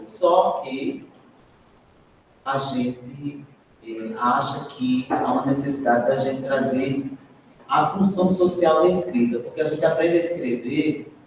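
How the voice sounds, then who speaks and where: A man's voice: a little high, measured pace. A Brazilian man teaches a group, asking questions and tagging his sentences. He sounds far from the mic in a roomy hall with a long echo and a faint hiss behind him. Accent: Brazilian Portuguese. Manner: adds "né?" often, prompts the group to answer. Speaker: teacher leading a training session. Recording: echoey classroom, recorded from a distance.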